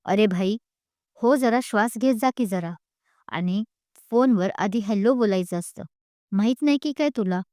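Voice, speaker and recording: A playful young heroine in an audio story who teases her friend with a smile in her voice, voiced by the woman narrator. The sound is mellow and smooth, close and dry. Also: medium pitch, normal speed, long pauses, no echo, close to an everyday voice. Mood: teasing. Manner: teasing, laughing as she talks.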